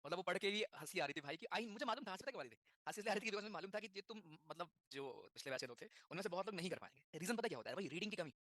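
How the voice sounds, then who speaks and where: Rapid, bright-voiced male teacher. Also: high voice, animated, no room sound, studio quality. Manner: rapid Hindi-English mix, repeats key terms, asks the class questions. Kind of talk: classroom lecture.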